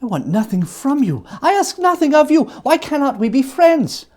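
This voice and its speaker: A reader puts on a cheerful young man, a miser's nephew in a storybook. His voice is pitched high and leaps about, earnest, warm-hearted and pleading. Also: very animated, normal speed.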